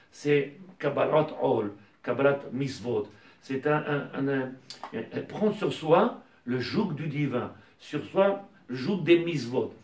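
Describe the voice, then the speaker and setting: A man teaching a Torah lesson with passion, his voice climbing to near-shouting as he mixes in Hebrew terms. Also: a little high. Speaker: rabbi teacher. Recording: echoey room, mic at a distance.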